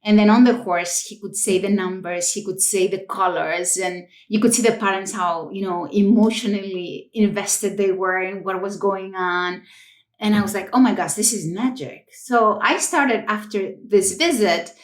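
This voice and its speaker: A woman's voice: mid-range voice, moderate pace. Greek-accented woman researcher, echoey room. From Greece. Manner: animated storytelling with fillers. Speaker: guest researcher. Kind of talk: casual interview.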